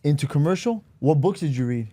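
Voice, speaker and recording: A man's voice: fairly high pitch, animated, brisk, dark tone. A man hosting a podcast interview, asking friendly questions and agreeing often. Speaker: podcast host. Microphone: podcast studio mic.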